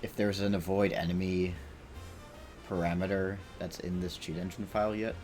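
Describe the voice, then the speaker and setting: A man's voice: low voice, little pitch movement, moderate pace, a little mellow, faint music behind. A man streaming a video game, rambling and swearing as he talks to himself and his viewers. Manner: rambling, profane, self-talking. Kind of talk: casual gameplay commentary.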